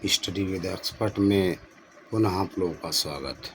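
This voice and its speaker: A man's voice: low voice, slow, slight background noise. A man hosting his own channel, teaching an exam-prep language lesson and explaining each answer by repeating the correct form. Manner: addresses viewers as friends.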